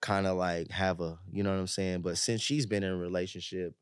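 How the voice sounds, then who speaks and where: A man's voice: low-pitched, steady tone, a little fast, clear, resonant tone, no echo. A young man talking as a podcast guest, telling stories in a laid-back way and often adding "you know what I mean". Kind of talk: casual chat.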